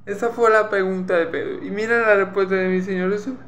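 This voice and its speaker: High-voiced Venezuelan preacher from Maracaibo. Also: male voice, fairly even intonation, fairly quick, a bit bright. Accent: Maracaibo Venezuelan Spanish. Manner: explanatory, repeats phrases, asks "¿ok?". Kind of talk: Bible teaching sermon. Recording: echoey room with faint ambient noise.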